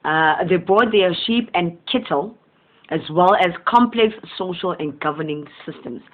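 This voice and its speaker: At a measured pace and in a mid-range voice, a motivational channel host shares an easygoing spiritual monologue. The recording has a tinny, phone-like quality. He grew up speaking Southern Sesotho, and his talk meanders, earnest and gentle, punctuated by frequent chuckles.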